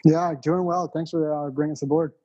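A man from Arizona, a skater guest, answering in a relaxed, joking way. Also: fairly high pitch, fairly quick, husky, dull audio. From Arizona, USA. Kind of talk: interview answers.

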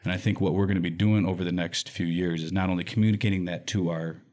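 Low-voiced michigan guy, earnest and punchy, keeps asking right? as he talks. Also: fairly even intonation, quick pace, darkish tone. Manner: earnest, emphatic, keeps tagging lines with "right?". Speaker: nonprofit executive director, guest. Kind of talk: conversational interview answers.

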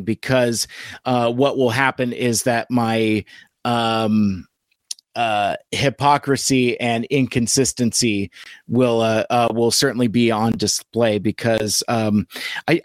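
Guy slowly rambling about his toys, lots of uhs and restarts, dry close sound. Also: medium pitch, no room sound. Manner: rambling, halting, many fillers and restarts. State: tired, hungover after a convention. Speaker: toy collector vlogger. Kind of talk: casual collection talk to camera.

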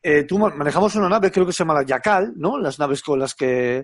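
A man's voice: on the high side, lively intonation, brisk, no echo, studio quality. A man with a Castilian Spanish accent chatting casually and colloquially about games as a podcast panelist, often repeating words as he goes. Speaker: video game podcast panelist. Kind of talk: casual game review chat.

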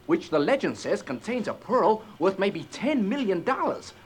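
High-voiced hesitant treasure-hunting man. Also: sing-song, normal speed. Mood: hesitant pleading. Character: shifty treasure-hunting diver, hesitant schemer in puppet adventure. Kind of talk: 1960s puppet adventure series acting.

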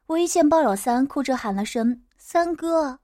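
A woman narrating a first-person story in a steady audiobook manner. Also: sits high, brisk, no room sound, clean studio sound.

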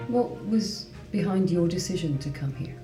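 A woman interviewer asking questions in a brisk, conversational way. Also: lowish voice, animated, music in the background.

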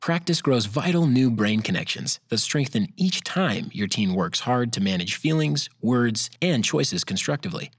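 A man narrating a scripted parenting guide in a calm, measured, even way. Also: medium pitch, breathy edge, no echo, studio quality.

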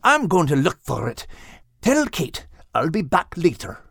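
A man's voice: on the high side, wildly swooping pitch, measured pace, fairly bright tone, dry recording, clean studio sound, pitched above the performer's own voice, heavily acted. A man doing a growly Scots-grumbling beast. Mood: huffy. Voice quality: growly, gravelly. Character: gruff grumbling male animal, easily riled.

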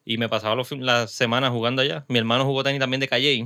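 A man's voice: medium pitch, flat delivery, rapid-fire, bright, forceful tone, dry recording. A Puerto Rican man hosting a podcast in a small studio, chatting casually and drifting into asides. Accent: Puerto Rican Spanish. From Puerto Rico. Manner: chatty, laughs often, trails into asides. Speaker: podcast host. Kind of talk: casual interview chat.

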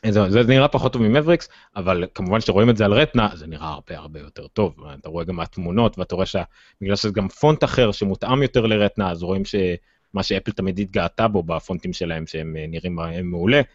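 A man with an Israeli accent hosting a casual tech discussion, speaking haltingly with many filled pauses. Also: low-pitched. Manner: hesitant, halting delivery with frequent filled pauses. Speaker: tech podcast host. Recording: dull, roomy, lo-fi sound.

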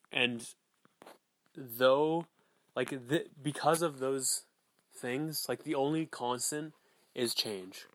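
A man's voice: medium pitch, fairly bright tone, clean tone, no echo. A man speaking candidly and off the cuff as a podcast host, rambling and repeating for emphasis, recorded on a phone voice memo app. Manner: candid, rambling, emphatic repetition, casual swearing. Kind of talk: casual unscripted solo podcast monologue. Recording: close dry phone voice memo.

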